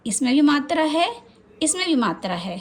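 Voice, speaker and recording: A woman teaching a children's spelling lesson, sounding out syllables slowly and asking the viewer questions as she goes. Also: sits high, big pitch swings. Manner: slow, drawn-out syllables for pronunciation practice.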